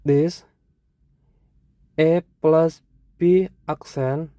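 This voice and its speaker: A teacher with an Indonesian accent, explaining a lesson in short, halting phrases and correcting themselves. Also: mid-range voice, steady tone, mellow, clean tone, dry recording.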